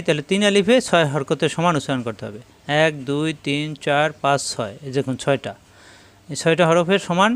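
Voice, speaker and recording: A man's voice: a little high, a bit bright, clean tone. Patient Bangladeshi man teaching recitation. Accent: Bangladeshi Bengali. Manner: patient, repeats syllables slowly and drills them. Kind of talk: step-by-step tajweed lesson.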